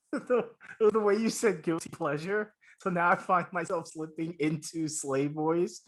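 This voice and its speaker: A man's voice: on the high side, fairly even intonation, measured pace. A man from New Jersey co-hosting a podcast, chatting casually and agreeably, with short replies. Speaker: podcast co-host. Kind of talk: casual chat.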